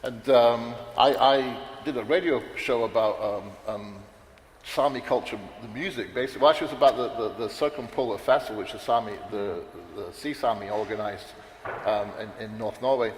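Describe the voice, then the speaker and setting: On a panel in a big reverberant hall, a man with a mid-range voice talks a little fast, stumbling through restarts and fillers as he rambles off the cuff. Faint noise sits under the echo of the room.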